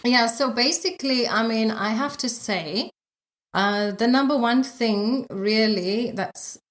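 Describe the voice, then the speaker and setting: A woman's voice: fairly high pitch, takes it slowly. A middle-aged woman from South Africa with a South African accent, telling her story casually as an interview guest, with frequent fillers and light laughs. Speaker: guest, yoga instructor.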